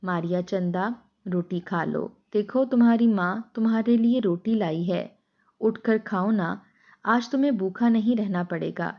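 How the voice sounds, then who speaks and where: A woman's voice: mid-range voice, dull audio, close to an everyday voice. A woman voicing a grieving mother driven mad by hunger and loss, in a tearful, pleading lament. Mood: tender.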